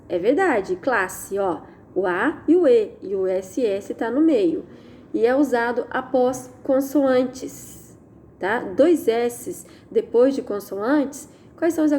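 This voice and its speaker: A Brazilian woman teacher giving a recorded lesson, patiently explaining and often checking that students follow, slowing down to stress key sounds. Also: on the high side, dark tone, slight background noise. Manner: patient, checks understanding with tag questions. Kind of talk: recorded online Portuguese lesson.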